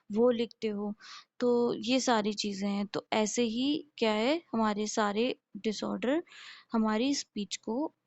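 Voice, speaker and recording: A nursing lecturer's mid-range voice comes across gravelly and a little mellow, with no room sound, in a dull lo-fi recording. During her classroom lecture she goes step by step, answers the questions she poses, and checks in with those listening.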